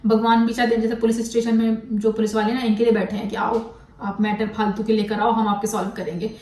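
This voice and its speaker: Woman commentator, blunt, scolding, somewhat high, echoey, set back from the mic. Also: level tone, brisk, mellow, distant mic. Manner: blunt, scolding, mixes English words into Hindi. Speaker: commentary vlogger. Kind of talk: critical commentary on a controversy.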